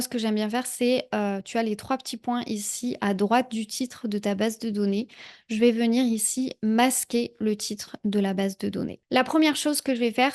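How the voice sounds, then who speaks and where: A woman talking a viewer through a software tutorial in a casual, chatty way, with frequent fillers. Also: on the high side. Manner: chatty, many "heu" fillers, speaks directly to viewer. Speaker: productivity tutorial creator. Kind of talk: casual screen-share tutorial.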